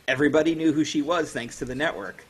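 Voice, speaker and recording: A man's voice: fairly high pitch, fast talker, slightly rough. A man co-hosting a casual podcast chat, sarcastic and opinionated. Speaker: podcast co-host.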